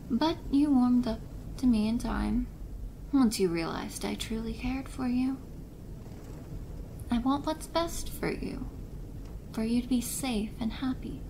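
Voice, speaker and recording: A woman playing a possessive, doting and controlling stepmother in an ASMR role-play drama, chiding in a deliberate, motherly way. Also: fairly high pitch, gravelly. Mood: tender, coaxing. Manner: slow, deliberate, softly chiding, maternal. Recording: noisy rain ambience behind voice. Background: rain.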